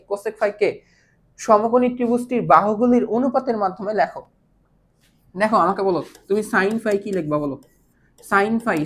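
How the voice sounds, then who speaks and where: Patient woman teaching math. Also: mid-range voice. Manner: patient, keeps checking understanding with questions; mixes English math terms into her speech. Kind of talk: online math lesson.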